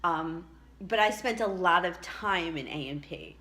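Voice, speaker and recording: A middle-aged woman chatting casually and reflectively as she tells a personal story, with halting asides. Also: lowish voice, sharp tone. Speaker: vlogger telling a personal story.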